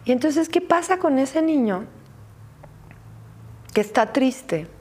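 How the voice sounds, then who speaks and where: Speaking slowly in a high, expressive, slightly mellow voice, a woman from Mexico talks informally about emotions as a therapist. She has a Mexican accent and keeps the tone conversational, frequently adding "¿no?"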